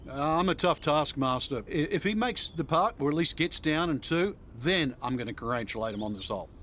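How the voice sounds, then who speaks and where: A man giving golf color commentary, explaining shots in a relaxed, conversational way. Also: fairly high pitch, brisk, slight background noise. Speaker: golf analyst.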